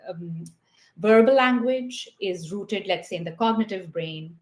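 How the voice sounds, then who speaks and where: A woman's voice: medium pitch, unhurried, reverberant. A woman from Pakistan, a guest art therapist on a video call, explaining her work thoughtfully and step by step, with many fillers along the way. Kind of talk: explanatory interview talk.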